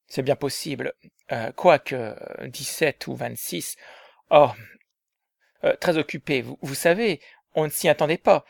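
A man voicing Riquet, an eager, affectionate young man in love, in a dramatized story reading, often hushed and conspiratorial. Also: mid-range voice, normal speed, creaky, close to an everyday voice.

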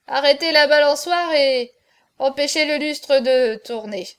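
A reeling, drunken young marquis who stammers and babbles, as a woman narrator puts him on. His voice rides high. Storybook reading. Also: measured pace.

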